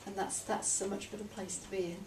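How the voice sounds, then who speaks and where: A woman's voice: medium pitch, flat delivery, quick pace, darkish tone. A woman speaking as a client in a therapy session, repeating phrases and reflecting on herself. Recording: echoey room, far from mic, noisy.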